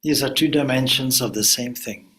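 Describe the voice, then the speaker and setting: A spiritual teacher with a medium-pitched voice leads a guided meditation. His delivery is calm and deliberate, broken into short phrases with pauses between them.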